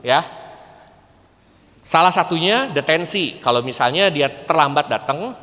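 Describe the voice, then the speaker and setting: A middle-aged man giving a lively parenting seminar as an educator, animated, often laughing and acting out parents and students. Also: mid-range voice. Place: church hall. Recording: long hall reverb.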